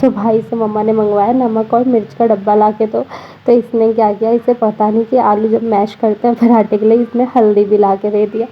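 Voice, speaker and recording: A tired young woman with a slight cold narrates her daily vlog in a separately recorded voice-over, her slightly high voice breathy and muffled. She keeps a moderate pace with little pitch movement, chatting along with frequent fillers like "matlab."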